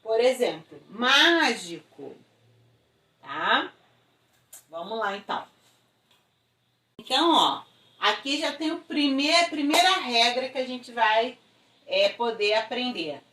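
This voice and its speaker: A woman's voice: fairly high pitch, very animated, measured pace, long pauses, a bit bright. A woman teacher with a Brazilian Portuguese accent gives a recorded video lesson to schoolchildren. She explains step by step and keeps checking in with tag questions. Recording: echoey room, voice from a distance.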